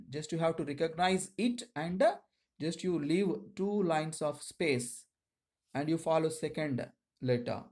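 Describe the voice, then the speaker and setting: A man with an Indian accent speaking as a shorthand instructor, dictating to students in short, measured phrases. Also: fairly high pitch, a little mellow.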